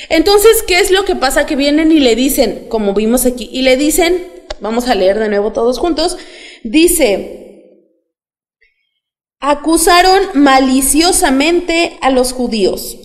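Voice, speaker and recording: A woman's voice: high voice, expressive, moderate pace, a little mellow. A woman giving a chatty Bible lesson to teenagers in a church, often asking her listeners questions. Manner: chatty, asks the audience questions. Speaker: youth Bible teacher. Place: church hall. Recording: long hall reverb.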